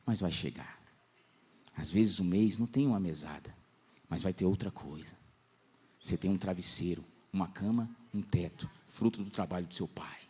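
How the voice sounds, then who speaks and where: A young man preaching at a church congress, telling lively stories in slangy talk and acting out the voices he quotes. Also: low voice, slightly rough. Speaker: pastor. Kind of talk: lively storytelling sermon.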